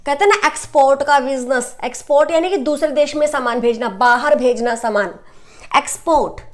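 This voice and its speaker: With a high, brisk voice, a young Indian woman explains a maths lesson step by step. She blends Hindi with English terms and frequently asks "right?" to check in.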